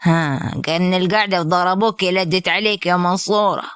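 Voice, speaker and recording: A woman with an Upper Egyptian accent voicing a domineering young husband who talks in a gruff, insulting, bossy way. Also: lowish voice, steady tone, brisk, fairly bright tone, no room sound, clean studio sound, close to an everyday voice. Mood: stern. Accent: Upper Egyptian Arabic.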